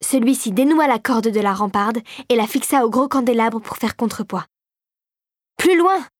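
A woman narrates a children's adventure book at a measured, expressive pace. Her voice is fairly high and recorded close and dry, with no room echo. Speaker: storyteller. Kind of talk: audiobook narration.

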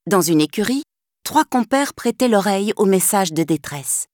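A woman's voice: medium pitch, lively intonation, normal speed, darkish tone, no echo. French woman reading a storybook. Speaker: narrator.

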